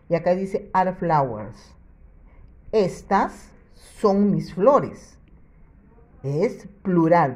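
Peruvian spanish lady teaching kids english, super slow, low voice, swoops up and down a lot. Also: mellow. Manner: slow, patient, asks questions and answers them. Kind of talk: children's English lesson.

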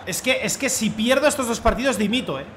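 A man from commentating his own football video game match, cheering loudly at goals and repeating his phrases. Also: very high-pitched, lively intonation, fast, slight background noise. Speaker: gaming youtuber. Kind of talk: excited live gameplay commentary.

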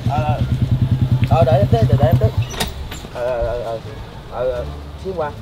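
A man's voice: medium pitch, expressive, measured pace, noisy background. A young man with a Southern Vietnamese accent, defensively protesting as the target of a prank among friends outdoors. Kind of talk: casual argument. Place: outdoors on a street.

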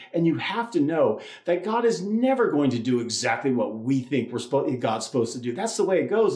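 A man preaches an Easter sermon in a relaxed, conversational way, doubling back on words and restarting phrases as he thinks aloud. His voice sits at an ordinary middle pitch. The church around him adds a roomy echo. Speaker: priest. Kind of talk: Easter sermon with a told joke.

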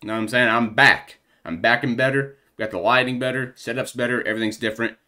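A man's voice: medium pitch, fairly even intonation, fast talker, sharp tone. A young man hosting a reaction video in casual, rambling chat, slangy and full of fillers, a bit out of breath.

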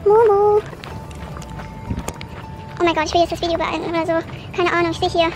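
A young woman talks her viewers through a nighttime horror challenge vlog, sounding anxious throughout. Her voice is sped up to a squeaky, extremely high pitch. Clear background music runs underneath her. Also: monotone, very fast. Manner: anxious, keeps calling the viewers "Leute". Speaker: vlogger. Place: in a car and outdoors at night.

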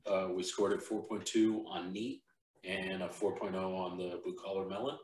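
A man's voice: low-pitched, little pitch movement, normal speed, darkish tone. A man hosting a casual whiskey-tasting chat, talking loosely with lots of fillers. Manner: laid-back, rambling with fillers. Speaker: podcast host. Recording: roomy, from a distance.

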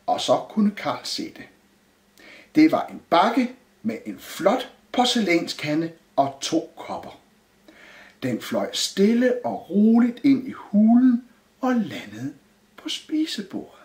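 A man reading a children's Christmas story aloud in a lively storytelling manner. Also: sits high. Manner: lively, sing-song storytelling. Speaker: narrator. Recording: roomy echo.

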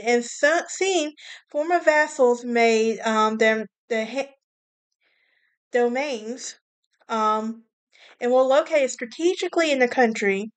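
Chatty woman hosting a history podcast. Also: high voice. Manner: chatty, stumbles over names, laughs at herself. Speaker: podcast host. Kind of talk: casual history podcast narration.

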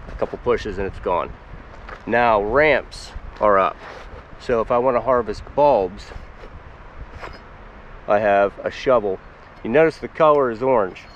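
Kneeling in the spring woods, a forties-aged man from Pennsylvania who hosts a foraging channel chats to the camera about his gear, relaxed and plain-spoken with fillers. His voice is mid-range, and the audio is dull with slight background noise.

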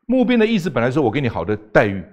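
A man's voice: mid-range voice, wildly swooping pitch, racing. An older man, a talk show guest arguing emphatically and firing off rhetorical questions. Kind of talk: political talk show debate.

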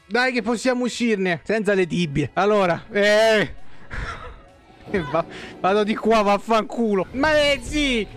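Panicky, foul-mouthed young man streaming. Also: very high-pitched. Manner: swears a lot, panicky yelps and shouting. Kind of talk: live gameplay commentary.

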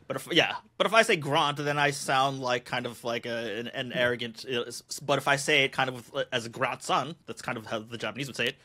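Bright-voiced American man hosting. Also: medium pitch, quick pace, hardly any pauses. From United States. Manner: chatty, rambling, with restarts. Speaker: podcast host. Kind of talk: conversational interview.

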